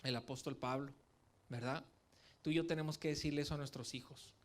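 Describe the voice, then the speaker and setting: A middle-aged male pastor preaching with passion to parents in church, building to emphatic calls and dropping to quiet, earnest stretches. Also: mid-range voice, steady tone, a little fast. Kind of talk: sermon at a parents' workshop.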